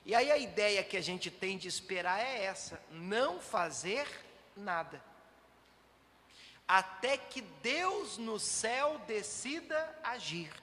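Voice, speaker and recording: High-voiced pastor preaching in a reverberant hall. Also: male voice, big pitch swings, pushed and bright. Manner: emphatic preaching, quick asides to the congregation. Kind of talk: sermon.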